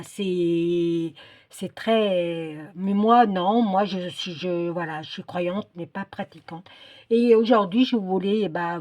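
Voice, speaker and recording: A craft video creator of Portuguese descent, a middle-aged or older woman, chats casually in her vlog, hesitating and often hunting for words. Her voice runs low with a darkish tone.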